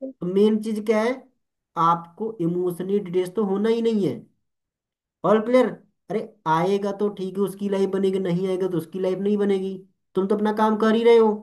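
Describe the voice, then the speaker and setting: In this motivational training talk, an animated young man instructs network marketers in a Hindi-English mix, frequently asking "ठीक है?" and "All clear?" to see if everyone is keeping up. He has a high voice and speaks at a normal speed.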